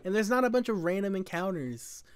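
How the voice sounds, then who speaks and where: A person casually commenting on a video game with a co-host, excitable, laughing often and swearing casually. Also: medium pitch, brisk, clear, resonant tone. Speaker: let's play co-host.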